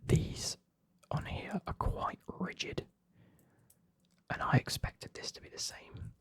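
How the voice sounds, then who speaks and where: A man's voice: takes it slowly, dry recording. A man whispering an ASMR unboxing as host, in a chatty, enthusiastic, informal manner.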